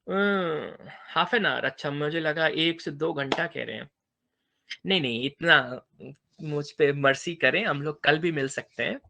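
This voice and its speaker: A man's voice: fairly high pitch, unhurried, gravelly, bright, forceful tone. A man giving a university English lecture, mixing two languages, who keeps checking that students understand. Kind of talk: bilingual classroom lecture.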